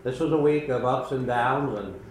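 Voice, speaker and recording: An older man preaching a sermon as pastor of a small church, earnest and conversational with pauses. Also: mid-range voice. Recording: echoey room with faint background noise.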